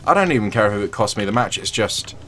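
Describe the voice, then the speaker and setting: A man's voice: lowish voice, sing-song, fast talker, bright, forceful tone, slight background noise. A young man casually commentating his own gameplay, chatty and jokey, sometimes teasing the other players. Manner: chatty, jokey, taunts opponents in a sing-song voice. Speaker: gaming channel host.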